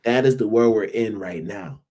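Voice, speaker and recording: A man with an American accent, a guest educator on a podcast, speaking in an earnest, measured way. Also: on the low side, mellow. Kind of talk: casual podcast chat.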